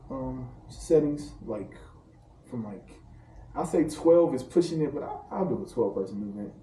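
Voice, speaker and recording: A St. Louis private chef guests on a podcast, and his warm, medium-pitched voice is animated as he tells loose, laughing stories in slang at a normal speed. Recorded with a distant mic in a roomy room, the clip carries faint ambience and slight background noise.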